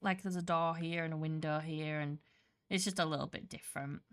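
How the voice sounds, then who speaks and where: This woman has a deep, steady, clean-toned voice and talks a little fast as she streams herself building in Minecraft. Her live commentary is casual and rambling, full of restarts, and she sounds stuffed up with a slight cough. The audio is dry and studio-clean.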